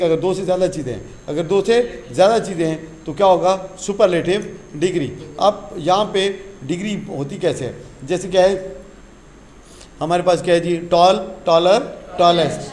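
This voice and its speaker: A man's voice: high-pitched, darkish tone, a little hiss or hum. A male teacher giving a classroom grammar lesson, quizzing the class with questions and repeating the key terms, and calling the students "beta.".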